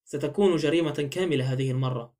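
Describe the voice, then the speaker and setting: A man voicing a calm, shrewd older detective in an audiobook, quietly assured. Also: on the high side, fast, close to an everyday voice. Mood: gentle. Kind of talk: audiobook character voice.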